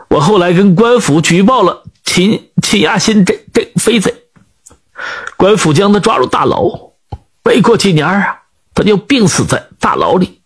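Guy doing a tender middle-aged dad, husky and earnest, storybook vibe. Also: sits high, exaggerated voice. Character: middle-aged father, gentle and patient.

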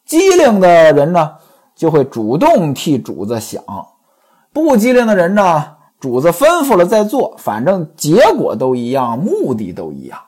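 A man retells a classic novel and comments on it in a chatty way. He keeps speaking straight to his listeners. His voice sits slightly high and swings widely up and down. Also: huge pitch swings, unhurried, darkish tone, husky. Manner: chatty, addresses listeners directly. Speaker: storyteller and commentator.

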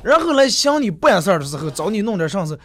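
High, lively-voiced male radio host. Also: fast, soft background music. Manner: chatty storyteller who acts out the people he quotes. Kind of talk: casual radio talk monologue.

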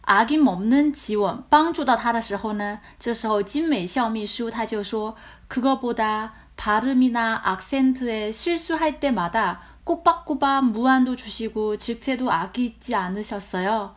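A woman teaching a language lesson, her voice sitting a little high. She talks at a brisk clip, patiently and with animation, as she walks through lines of dialogue one at a time. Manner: patient, animated explanations, mixing two languages. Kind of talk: explaining a drama scene line by line.

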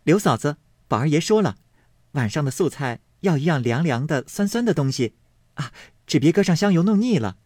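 A cheeky young maidservant from a storybook, voiced by a man, lifting high and bright. Her sentences are quick and mocking, full of sass. The sound is dry and close. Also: very animated, slightly rough, no echo. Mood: teasing. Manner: pert, mocking, quick-tongued. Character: saucy teenage girl servant, pert and teasing.

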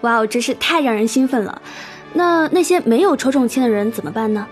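A woman's voice: a little high, expressive, a little fast, soft background music, lightly acted. A woman playing an eager TV co-host who feeds chirpy questions, in an audio drama. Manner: chirpy, asks prompting questions.

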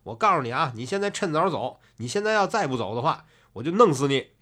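A man's voice: medium pitch, very animated, a little fast. A man playing a blustering dragon king. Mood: furious. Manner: threatening, then begging with stammers. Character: blustering male dragon king turned pleading.

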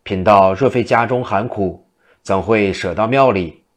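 A smug, boastful Taoist exorcist in his forties, as a male narrator puts him on speaks in a storybook tale. The voice is low and close to the narrator's everyday voice. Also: a little slow, natural voice. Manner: smug, self-satisfied.

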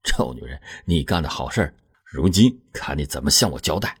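A man's voice: extremely low pitch, expressive, brisk, darkish tone, husky, no room sound, studio quality, pitched below the performer's own voice, exaggerated voice. A man voicing a harsh, controlling husband giving cold orders. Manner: harsh, commanding.

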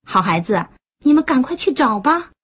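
A woman's voice: sits high, big pitch swings, moderate pace, slightly rough, highs cut off, full character voice. A woman voicing a friendly, kindly goldfish in a children's story who speaks in an amused way.

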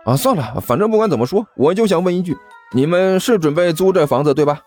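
A man's voice: high-pitched, expressive, quick pace, a little mellow, soft background music, voice pushed up. Man doing a chatty, wheedling landlord. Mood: wheedling, wary. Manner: chatty, persuasive, nervous stammer. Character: middle-aged male landlord, wheedling and nervous.

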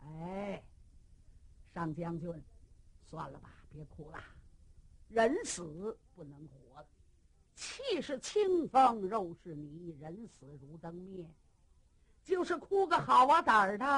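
A woman doing a calm, consoling old-time general. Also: lowish voice, slow pace, breathy edge, pitched below the performer's own voice, heavily acted. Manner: soothing, reassuring. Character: steady, kindly male general, consoling and calm.

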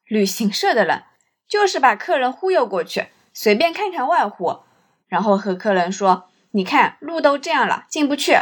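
A woman's voice: fairly high pitch, big pitch swings, normal speed, slightly rough. Grumbling male tour driver played by a woman, blunt colloquial storybook dialogue, emphatic. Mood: exasperated. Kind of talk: acted quote in narrated story.

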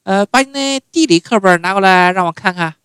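A man voicing an elderly mother in a stand-up comedy monologue, brisk and down-to-earth as she calls out to her son. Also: mid-range voice, animated, fairly bright tone, clear, resonant tone, dry recording, pitched above the performer's own voice, lightly acted. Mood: calling. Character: elderly mother, plain-spoken, dryly humorous.

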